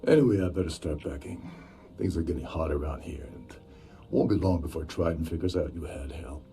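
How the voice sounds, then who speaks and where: Game pirate schemer: cocky, wary, deep mellow voice. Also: male voice, brisk, soft background music.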